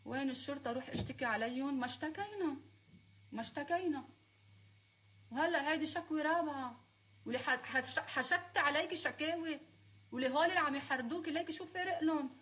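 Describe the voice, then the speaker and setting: Lebanese woman, high voice, live-stream rant: confrontational, scolding, sarcastic. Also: fast, a bit bright. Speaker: singer speaking on a live stream.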